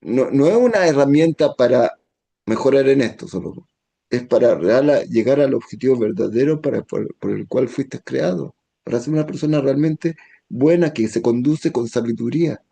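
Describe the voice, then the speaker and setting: Gravelly-voiced rabbi giving a lesson. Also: male voice, medium pitch, expressive, normal speed. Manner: gentle teaching tone, acts out quoted voices. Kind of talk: Torah lesson.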